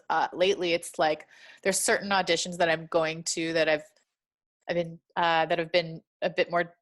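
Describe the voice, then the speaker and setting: A woman with a somewhat low voice talks in a relaxed, conversational way. She searches aloud for her words and laughs easily. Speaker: host, actor. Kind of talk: casual conversation.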